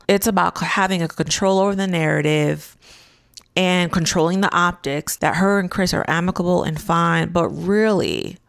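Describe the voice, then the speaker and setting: Gravelly-voiced woman recapping with drama. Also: lowish voice, dry recording, clean studio sound. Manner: emphatic, dramatic. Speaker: reality show recap host. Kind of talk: casual commentary vlog.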